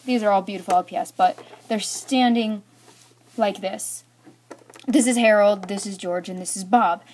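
A woman's voice: mid-range voice, normal speed, darkish tone, slight background noise. A teenage girl chatting through a personal story, rambling with lots of "like" and acting parts out with toys. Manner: rambling, filler-heavy, "like" in every sentence. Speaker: storyteller vlogger. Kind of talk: casual storytime chat.

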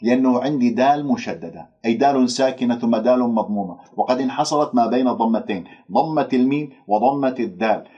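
A man gives a pronunciation lesson in Quran recitation. He draws out example words at length, then explains the rules at a quick pace. The recording sounds dull and lo-fi. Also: medium pitch, dark tone, slightly rough. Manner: drawn-out demonstration words between brisk explanations.

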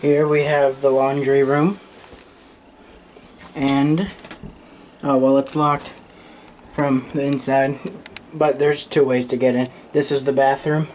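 A man's voice: medium pitch, slight background noise. Young man giving a casual house tour. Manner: relaxed, plain-spoken, a little halting. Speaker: family member filming a house tour. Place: rented farmhouse, indoors and out. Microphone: handheld camera.

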